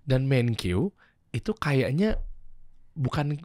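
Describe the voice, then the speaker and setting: A man's voice: mid-range voice, big pitch swings, slow, darkish tone, no echo. A man in his thirties hosting a casual chat, informally asking questions and searching for words as he goes. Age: 30s. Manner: informal, searches for words, repeats short acknowledgements. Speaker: podcast host.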